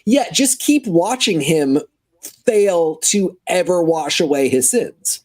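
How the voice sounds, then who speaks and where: Chatty man, slightly high voice. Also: expressive, takes it slowly, darkish tone. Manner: chatty, many "like"s. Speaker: podcast co-host. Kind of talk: casual chat about comics.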